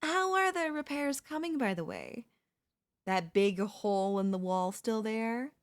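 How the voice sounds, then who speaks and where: A woman with a fairly high, expressive voice plays a chatty, cocky female zombie on the hunt for a human survivor in a comedic audio roleplay. She talks to the listener in a teasing, persuasive mood, casual and playful, slinging slang and taunts in a drawn-out way.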